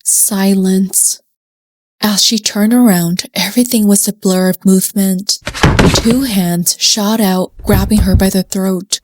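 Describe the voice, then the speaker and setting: A woman narrating a scripted folk story in a soft, hushed voice that sometimes drops to a whisper. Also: mid-range voice, fairly even intonation, a little hiss or hum. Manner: soft, slow and hushed, slipping into whispers at tense moments.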